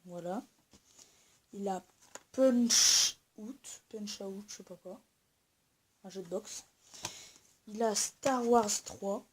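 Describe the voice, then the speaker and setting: A woman's voice: mid-range voice, slow pace, pauses often, darkish tone, slight background noise. A young woman filming a casual home-tour vlog, rambling with many fillers and restarts while she is sick. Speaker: YouTuber. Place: at home indoors.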